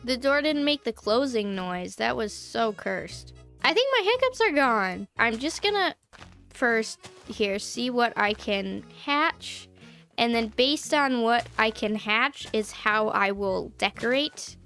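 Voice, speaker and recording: A woman's voice: a little high, big pitch swings, slow, sharp tone, faint music behind. A woman giving casual, chatty let's-play commentary while building in a game, laughing often and talking through hiccups. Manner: giggly, chatty, frequent laughter. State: hiccuping, voice strained. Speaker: gaming YouTuber.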